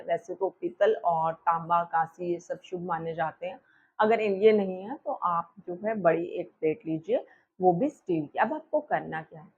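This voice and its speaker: Woman, husky, sore throat, step-by-step ritual instructions, dull lo-fi recording. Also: lowish voice. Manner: step-by-step, asks and answers her own questions, many fillers. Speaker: astrologer explaining Diwali puja. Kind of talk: instructional talk to viewers.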